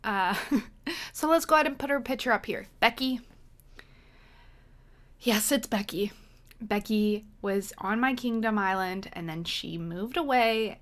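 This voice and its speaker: A woman's voice: a little high, a bit bright. A woman giving her casual, dryly sarcastic take as she ranks game characters in a tier-list vlog. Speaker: gaming video creator.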